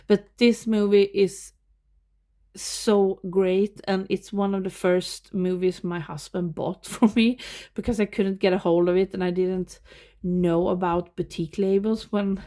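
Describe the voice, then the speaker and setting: A woman's voice: medium pitch, warm tone. A woman from Sweden with a Swedish accent, chatting casually in English as she shows off her shelves of movies at home, laughing often between remarks. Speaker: movie collector showing her collection. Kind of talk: casual show-and-tell vlog.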